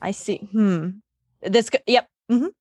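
A young adult woman co-hosting a podcast in casual, comedic chat, blunt and dramatic and quick to swear. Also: mid-range voice, a little mellow, no echo, clean studio sound. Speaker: podcast co-host.

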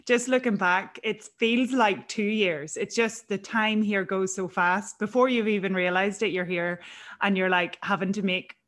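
A woman's voice: mid-range voice, fairly even intonation, normal speed, a bit bright. A woman around thirty with an Irish accent, speaking as the host of an interview podcast. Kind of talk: scripted introduction, then casual interview.

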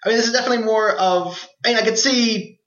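A man's voice: sits high, fast talker, fairly bright tone. A young man co-hosting a podcast, chatting casually about a film and stumbling over the first words of his sentences. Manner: hesitant, repeats words when starting. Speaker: podcast co-host. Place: apartment with open windows. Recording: roomy, dull lo-fi sound.

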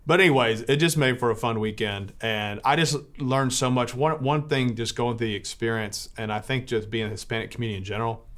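Man telling stories, relaxed and chatty. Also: medium pitch, fairly quick, hardly any pauses. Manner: relaxed storytelling with filler words. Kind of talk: informal talk to a church audience.

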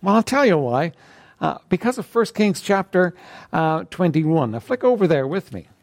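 Higher-voiced male preacher, conversational. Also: very animated, normal speed. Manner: conversational Bible teaching with frequent throat clearing. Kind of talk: sermon.

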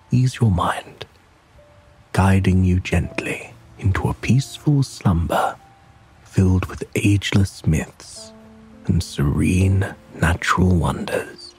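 A man narrating a soothing sleep story and guided relaxation in a calm, gentle, soft breathy voice. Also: low voice.

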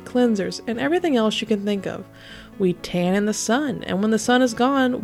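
A woman podcast host narrates scripted tales of the strange in a playful, theatrical way. Her voice sits at a middling pitch and carries the effect of being sick. Music plays behind her. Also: darkish tone. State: sick with an illness affecting the voice.

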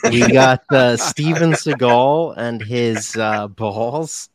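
A man hosting a casual podcast, steering the talk in a relaxed way. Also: medium pitch, slow pace, no echo. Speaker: podcast host.

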